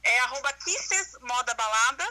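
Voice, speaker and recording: A woman's voice: high voice, expressive, normal speed, over a noisy crowd, rough recording. A woman talking over the phone as a shop owner in casual chat, chatty and often adding tag questions. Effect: heard over the phone.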